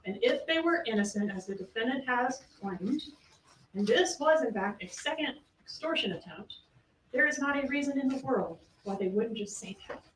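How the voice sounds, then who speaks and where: A woman's voice: a little high, expressive, normal speed, a little hiss or hum. A woman prosecutor delivering a courtroom closing argument, pressing her case with pointed rhetorical questions. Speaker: trial prosecutor. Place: large courtroom. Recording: echoey courtroom audio from far off.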